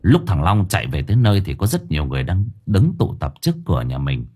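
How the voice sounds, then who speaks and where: A man's voice: sits low, huge pitch swings, quick pace, mellow, slightly rough. Dramatic male horror story narrator. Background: faint music.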